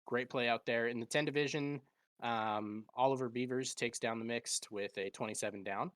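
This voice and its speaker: A man's voice: medium pitch, fairly even intonation, normal speed, fairly bright tone, smooth, no room sound. A man from Nevada hosting a podcast, reading out results in casual chat with a playful streak. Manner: reads out results, playful about stirring drama. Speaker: podcast host.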